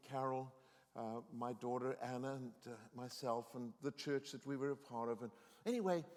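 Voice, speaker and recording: A man's voice: mid-range voice, darkish tone. A middle-aged man giving a storytelling sermon as a guest preacher in a university chapel, earnest and increasingly emphatic. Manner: earnest storyteller, grows more emphatic and exhorting. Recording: reverberant chapel hall.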